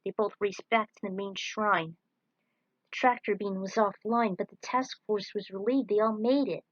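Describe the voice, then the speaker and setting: A woman narrates an action-packed piece of her own fan fiction with scripted drama, speaking at a medium pitch, a moderate pace, and fairly steady intonation. No room sound comes through; the close recording is dull and lo-fi.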